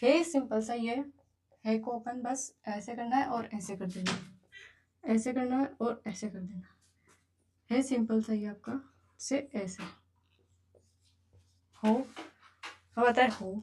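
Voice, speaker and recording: Woman, beginner writing teacher, mellow and warm, slightly high, patient stroke-by-stroke counting. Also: takes it slowly, long pauses, a little hiss or hum. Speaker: Japanese teacher.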